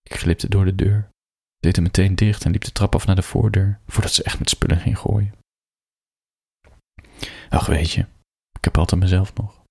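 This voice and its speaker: A man reads aloud from his own story in a dry, wry first-person voice. His voice is very low and gravelly. It has a husky grain. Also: fairly even intonation, moderate pace, pauses often, a little mellow, no room sound.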